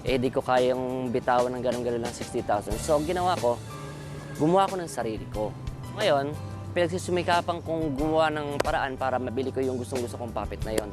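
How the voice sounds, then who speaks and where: A man's voice: mid-range voice, brisk, over music. A man from Bulacan, a talent show contestant, telling his story earnestly in a casual interview. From Bulacan, Philippines.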